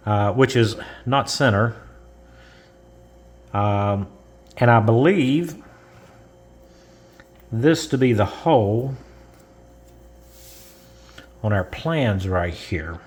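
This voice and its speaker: A man casually walking through a model-building step, rambling and correcting himself as he goes. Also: mid-range voice. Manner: slow, rambling, self-correcting, chuckles. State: coughing from dust. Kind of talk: casual how-to narration.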